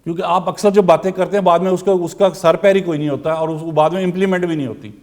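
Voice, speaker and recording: A man's voice: high voice, fairly even intonation, a little mellow. A man, delivering a political commentary monologue, firing pointed rhetorical questions.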